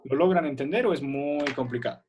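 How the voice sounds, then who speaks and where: A man's voice: on the high side, fairly quick, a little mellow, slight background noise. Patient male teacher on a video call. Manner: patient, checks understanding with "¿ya?". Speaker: primary school teacher. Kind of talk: online class explanation.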